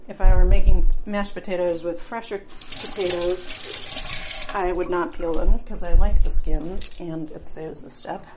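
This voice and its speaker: A woman's voice: mid-range voice, darkish tone, a little hiss or hum. A middle-aged woman talking casually while she cooks in her home kitchen, thinking aloud and chatting as she works. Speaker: home cook. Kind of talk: casual cooking vlog narration.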